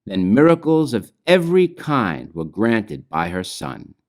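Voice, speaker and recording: Music plays as a man with a lowish voice recites rhymes from his own children's storybook. His reading is measured and expressive, with soft, trailing endings to his phrases.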